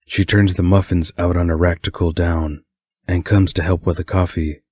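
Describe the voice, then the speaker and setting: A man reading a fan story aloud as narrator, with calm, steady storytelling. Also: sits low, moderate pace, husky, dry recording, clean studio sound.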